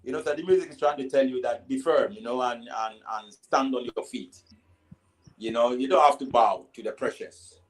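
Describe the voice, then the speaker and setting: A Ghanaian man speaks as a reggae artist being interviewed, in plain, steady conversation. His voice sits at a middle pitch, with a Ghanaian accent. He keeps dropping "you know" and trips into repeating a word before finishing his thought. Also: normal speed, poor audio. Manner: many "you know" fillers, repeats and stammers on words. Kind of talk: casual interview answers.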